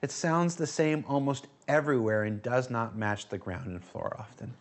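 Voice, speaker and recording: A man's voice: medium pitch, lively intonation, normal speed. Stammering chatty male host. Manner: chatty, stammers and repeats words. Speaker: livestream host. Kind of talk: casual panel chat.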